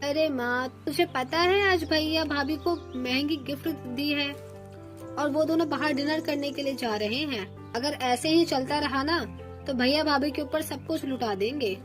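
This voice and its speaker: A woman's voice: high-pitched, measured pace, music in the background. A woman voicing a jealous young female crow who complains spitefully to her mother in a cartoon.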